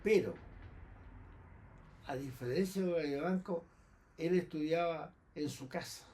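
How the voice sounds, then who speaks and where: A man's voice: on the high side, measured pace, darkish tone. A man in his seventies with a Chilean accent, telling his own memories to a grandchild and acting out the people he quotes. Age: 70s. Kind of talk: casual storytelling.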